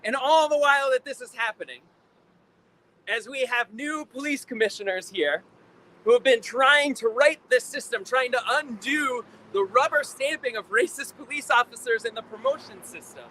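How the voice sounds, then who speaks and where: A man giving an impassioned protest speech like a preacher, emphatic and deliberate, repeating phrases for effect. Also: very high-pitched, sharp tone. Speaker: preacher, rally speaker. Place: outdoors at a rally in town. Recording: noisy outdoor urban recording, faint traffic.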